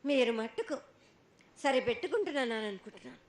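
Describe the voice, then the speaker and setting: A woman's voice: sits high, lively intonation, fast, noisy background. A woman speaking as an oracle in a prophetic trance, stern and admonishing, in short broken phrases that repeat. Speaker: oracle delivering festival prophecy as the mother goddess. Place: echoey temple festival. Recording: echoey live ritual sound.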